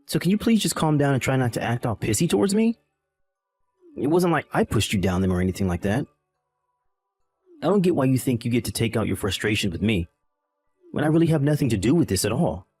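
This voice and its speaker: A man's voice: mid-range voice, big pitch swings, fairly quick, pauses often, darkish tone, husky, soft background music. A man voicing a dismissive, callous young husband in a text-message drama, irritated and belittling.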